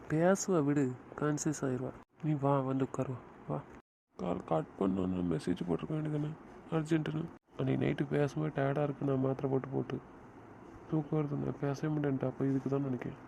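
A man's voice: a little high, gravelly, warm tone, a little hiss or hum. A man voicing both friends in an emotional audio drama, talking in a comforting and pleading way.

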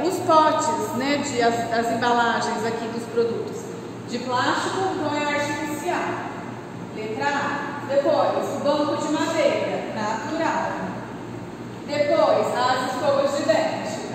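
A woman's voice: high-pitched, background noise. A woman in her thirties with a Brazilian Portuguese accent, a primary school teacher giving an online class lesson from a classroom with a chalkboard. She talks patiently to the children and explains each step. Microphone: camera across the room. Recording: echoey classroom from far off.

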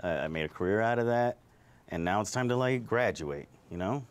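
Guy playing an annoyed actor pushing his agent, lowish voice, earnest. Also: animated, brisk, close to an everyday voice. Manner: earnest, exasperated. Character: frustrated male actor wanting new roles.

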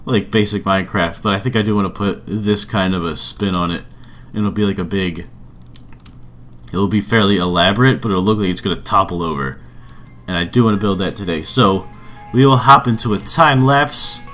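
A man's voice: lowish voice, a bit bright. A young man giving informal, rambling commentary on a game build, as a video creator.

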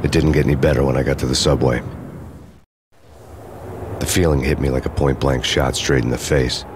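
An actor with an extremely low male voice plays a world-weary undercover detective, narrating a grim, hard-boiled noir game story. He's deadpan and brooding, moving at a moderate pace over some background noise.

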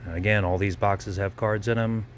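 Brief: lower-voiced man, brisk auctioneer walkthrough, phone-filmed, faint background hum. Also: fairly even intonation. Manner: brisk item-by-item listing. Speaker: auctioneer previewing lots. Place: large auction gallery warehouse. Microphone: handheld phone camera.

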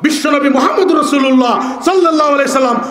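A Bangladeshi man with a Bengali accent preaching a sermon to a large gathering, firing rhetorical questions at the crowd and often shouting. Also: extremely high pitch, rapid-fire, noisy background. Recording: echoey public-address sound.

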